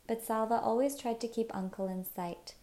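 A woman narrating a novel aloud in a calm, measured storytelling manner. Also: on the high side. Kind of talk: audiobook narration.

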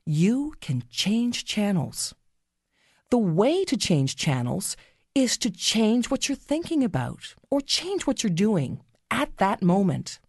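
Woman narrator for children's guided meditation: unhurried, soothing, gently instructive, with melodic pitch movement and a close, dry sound. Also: dry recording. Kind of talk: scripted guided meditation story.

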